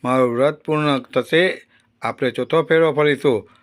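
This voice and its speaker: A man reading the gentle, earnest lines of a radiant divine young man in a storybook tale. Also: medium pitch, normal speed, natural voice.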